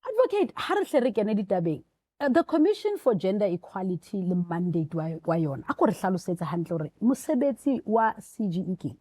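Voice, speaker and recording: A woman's voice: medium pitch, very animated, a little fast, mellow, no room sound. A woman with a South African Sotho accent, presenting and interviewing as a talk show host.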